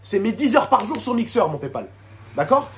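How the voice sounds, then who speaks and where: High-pitched French suburban street-slang man, indignant. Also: sing-song, normal speed, slight background noise. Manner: indignant, repetitive, rhetorical questions. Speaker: YouTuber addressing subscribers. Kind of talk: emotional spoken rant to camera.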